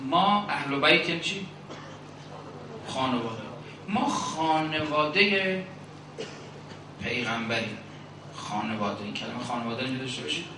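A man, a seminary cleric, preaches a sermon at a religious gathering. He builds long rhetorical lists with pauses and recites verse and Arabic phrases. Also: medium pitch, animated, background noise. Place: religious gathering in a large echoing hall. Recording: very echoey hall recording from a distance.

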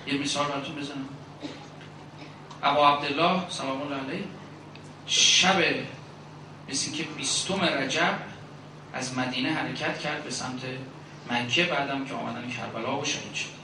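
A man, a seminary cleric, preaches a sermon at a religious gathering. He builds long rhetorical lists with pauses and recites verse and Arabic phrases. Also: mid-range voice, steady tone, sharp tone, a little hiss or hum. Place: religious gathering in a large echoing hall. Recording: very echoey hall recording from a distance.

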